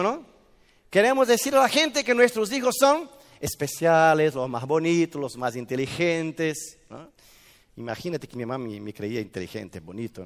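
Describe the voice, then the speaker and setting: Lively high-voiced male preacher in a hall. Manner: lively, asks the audience questions, acts out little scenes. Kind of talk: sermon. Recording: reverberant hall.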